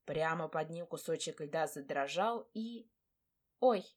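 A woman narrating a first-person romance audiobook in a warm, expressive reading. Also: medium pitch, normal speed.

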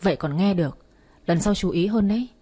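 A grumpy middle-aged woman customer in a storybook, curt and scolding, her words quick and clipped, as the narrator puts her on. The voice is mellow and husky. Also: mid-range voice, lightly acted. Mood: annoyed.

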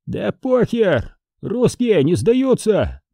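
A man voicing a hot-headed young male enemy soldier who shouts defiantly and drags out his words. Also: high voice, huge pitch swings, creaky, slightly rough, dry recording, studio quality, pitched above the performer's own voice, heavily acted. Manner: shouting, defiant, slow and drawn out.

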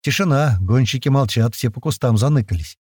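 A man narrating a first-person audiobook in a lively, slangy, conversational way. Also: mid-range voice, fairly quick, slightly rough, no room sound, clean studio sound.

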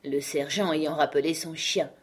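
A woman narrating a classic novel aloud in a measured, expressive reading. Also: sits low, slightly rough.

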